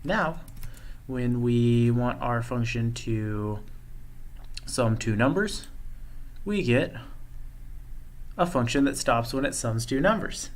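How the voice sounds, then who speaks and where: A man presenting a coding tutorial, thinking aloud in a relaxed way as he walks through code on screen. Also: medium pitch, takes it slowly, pauses often. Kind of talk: screen-share coding walkthrough.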